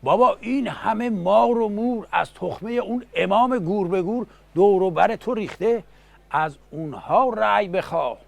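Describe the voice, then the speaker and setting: A male teahouse storyteller plays a scheming devil from an epic tale. The voice is high and creaky, exasperated and coaxing, in loose colloquial speech, dry and close. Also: no room sound. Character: scheming devil advising a tyrant in his dream.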